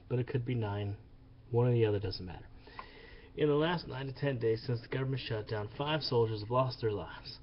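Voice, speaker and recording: A man's voice: mid-range voice, slight background noise. Man, cursing political rant vlog, heated and repetitive, muffled lo-fi sound. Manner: profane, heated, repeats himself. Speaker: vlogger.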